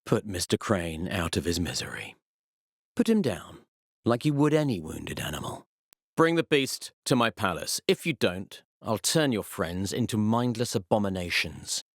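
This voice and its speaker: A man's voice: fairly low pitch, big pitch swings, normal speed, no echo, studio quality. A man playing an arrogant mad-scientist villain in a video game, speaking with precise, theatrical, pompous menace. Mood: cold menace. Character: the Baron, arrogant male mad-scientist villain, cold and gloating.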